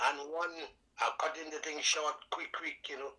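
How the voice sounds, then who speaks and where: Older Trini calypso man, bright forceful tone, folksy storyteller. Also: a little high, normal speed, low-quality recording. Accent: Trinidad and Tobago. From Trinidad and Tobago. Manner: folksy and animated, sings out sound effects. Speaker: calypso singer guest. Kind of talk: storytelling interview.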